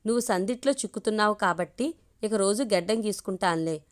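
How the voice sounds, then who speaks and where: A woman's voice: medium pitch, fast talker, close to an everyday voice. A woman voicing a young man in love in a storybook reading, tender and pleading. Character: young man, ardent lover, then apologetic.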